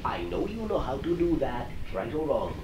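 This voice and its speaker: A man channels an alien being in a Q&A session, answering the audience in a medium-pitched, sing-song, lightly acted voice. He sounds assured, teacherly, instructive and encouraging, speaking in deliberate, halting, formal and stilted phrases. It was recorded from afar in an echoey room on a noisy old cassette.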